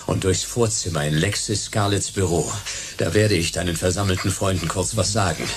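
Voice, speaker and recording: A male actor with a low voice narrates in first person as the lead of a noir sci-fi radio play, portraying a hard-boiled private detective who is tough, sardonic and cool-headed. His delivery is deadpan and laconic, with clipped sentences and an air of sardonic menace, at a normal speed. Music plays behind him and the background is noisy.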